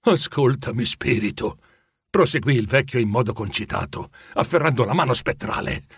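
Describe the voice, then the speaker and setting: A man narrating a storybook in a dramatic, expressive way with a husky voice. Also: mid-range voice, a little fast, dry recording, studio quality.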